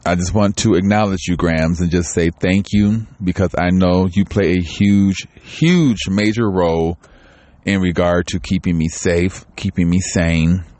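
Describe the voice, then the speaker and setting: A man's voice: low voice, fairly even intonation, a little slow, a little mellow. A man talking candidly in a home vlog, rambling with many restarts and growing tearful. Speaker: channel host. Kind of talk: casual personal vlog talk.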